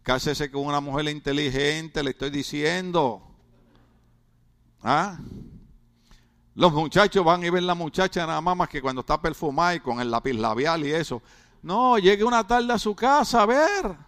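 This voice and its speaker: A man preaching in a chatty, joking way with lots of rhetorical questions. His voice sits high for a man and swings widely up and down. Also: lively intonation, normal speed, fairly bright tone. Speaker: pastor. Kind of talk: humorous sermon.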